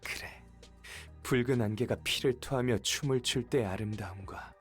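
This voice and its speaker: A man voicing a calm, musing game character, at times close to a whisper. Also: mid-range voice, very fast, soft background music, natural voice. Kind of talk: game voice acting.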